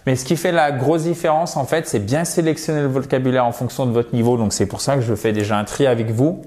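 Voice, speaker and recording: A man's voice: medium pitch, steady tone, a little mellow. Chatty male teacher drilling English words. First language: French. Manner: chatty, jokey, switches between French and English; drills words slowly, repeating them for pronunciation. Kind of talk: vocabulary lesson for French speakers.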